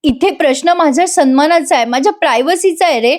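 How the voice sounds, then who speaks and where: A woman's voice: high-pitched, a little fast, lightly acted. A woman voicing a scheming young wife who pleads tearfully, in a serial retold as a story. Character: scheming young wife, sobbing to win sympathy.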